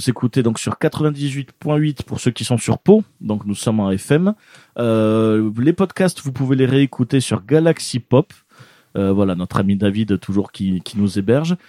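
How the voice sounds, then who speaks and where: A man's voice: mid-range voice, warm tone, no echo. A man hosting a casual radio show in a studio, chatting loosely with lots of fillers and restarts.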